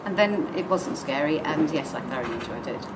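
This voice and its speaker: A low-pitched woman speaks reflectively in an interview about reading stories aloud. She often restarts her thoughts. A loud ambient noise runs underneath her voice. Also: expressive, a little fast. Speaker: volunteer story reader.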